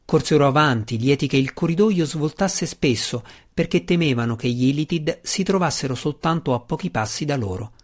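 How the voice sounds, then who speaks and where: A man reading a fantasy novel aloud as an audiobook narrator, in a steady, measured way. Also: fairly high pitch.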